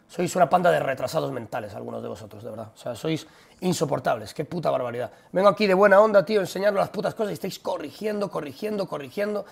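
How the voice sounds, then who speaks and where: A young man with a Spanish accent from Spain talks straight to his live-stream audience. He rants bluntly and profanely, with rapid-fire delivery and a slightly raised pitch. His voice has a gravelly, creaky edge. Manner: blunt, profane, exasperated ranting. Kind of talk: casual live-stream chat ranting at viewers.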